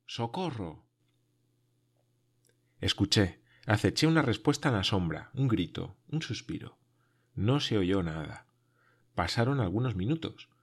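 A man reading a first-person adventure story aloud, in a measured, dramatic way that sinks to hushed tones. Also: fairly low pitch, animated, slightly rough. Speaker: audiobook narrator. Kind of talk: first-person literary narration.

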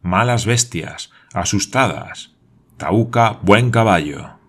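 A man reading an audiobook aloud, voicing a calm Patagonian guide who speaks in slow, clipped, broken phrases. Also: lowish voice, slightly rough, exaggerated voice. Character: calm Patagonian guide, steady, laconic, few words.

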